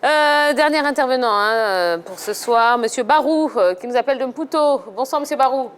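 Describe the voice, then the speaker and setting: A woman hosting a live football debate show, brisk and peppered with fillers. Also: high voice, smooth. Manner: brisk, many fillers like "hein". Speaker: host.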